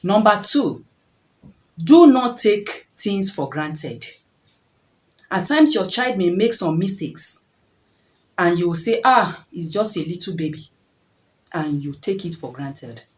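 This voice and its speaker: A woman's voice: lowish voice, very animated, takes it slowly, long pauses, a little mellow, low-quality recording. A woman giving parenting advice in an earnest, preachy way, repeating phrases and asking rhetorical questions. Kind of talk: preachy advice talk to camera.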